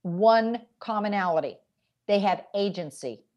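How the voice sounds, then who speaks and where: A woman's voice: medium pitch, measured pace, highs cut off. A middle-aged woman speaking as an expert guest in an interview, telling stories animatedly and acting out what kids told her. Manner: animated storyteller, acts out quoted kids. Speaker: guest expert, educational psychologist. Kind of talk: conversational interview.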